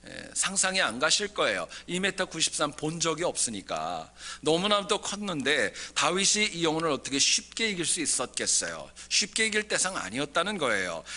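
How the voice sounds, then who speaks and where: A man's voice: fairly high pitch, bright, forceful tone. A male pastor giving a Sunday sermon in a church, mixing folksy jokes with scripture. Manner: folksy jokes with dialect impressions before scripture. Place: church sanctuary.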